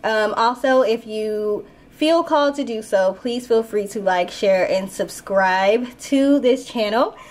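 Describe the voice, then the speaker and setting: A woman's voice: fairly high pitch, slow pace, hardly any pauses, darkish tone. A woman hosting a casual spoken tarot reading as the reader. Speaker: tarot reader and channel host.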